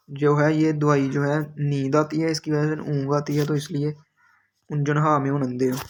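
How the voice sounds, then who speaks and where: Guy going through textbook vocab, kinda high voice, pretty monotone, says each word then explains it. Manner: repeats words slowly, explains each term; reads aloud from a textbook. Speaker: Korean language teacher.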